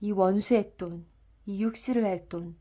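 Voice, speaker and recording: A woman voicing a drunken, boastful middle-aged rickshaw puller who shouts roughly at everyone in an audiobook of a classic story. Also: mid-range voice, moderate pace, close to an everyday voice. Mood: drunken rage. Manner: loud, rough, blustering shouts. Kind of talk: dramatic audiobook reading.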